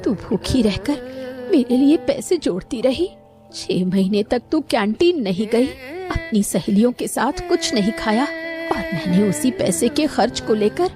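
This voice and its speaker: A woman voicing a weary middle-aged mother in an animated story, emotional and tearful. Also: a little high, measured pace, music in the background. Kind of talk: Hindi cartoon voice acting.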